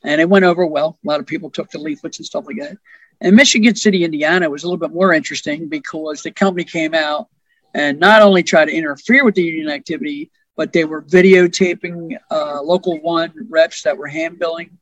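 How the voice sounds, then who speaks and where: A man's voice: on the high side, a little fast, fairly bright tone, no echo, dull audio. A man, a union organizing director, talking plainly in a podcast conversation and telling stories with asides.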